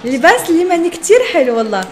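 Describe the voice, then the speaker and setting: A woman's voice: very high-pitched, very animated, very fast, soft background music. A young woman from Morocco giving casual reaction commentary, chatty, often laughing and exclaiming in wonder. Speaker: reaction video host.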